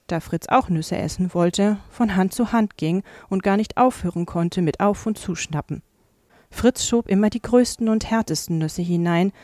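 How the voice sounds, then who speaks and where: A woman narrating a classic fairy tale in a calm, measured reading voice. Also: fairly low pitch, dry recording, clean studio sound. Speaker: audiobook narrator. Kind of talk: scripted storybook narration.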